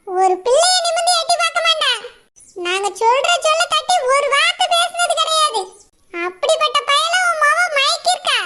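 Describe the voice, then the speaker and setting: A woman with a Kanyakumari Tamil accent, playing an older village woman who scornfully accuses and curses the other family. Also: very high voice. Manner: scornful, accusing, shouting in a street quarrel. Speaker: angry mother of the groom's side. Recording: loud background noise.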